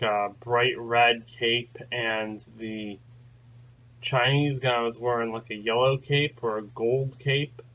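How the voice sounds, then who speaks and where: A channel host recounts a long story casually, rambling along with plenty of fillers and restarts. His voice is medium-pitched and the sound is lo-fi.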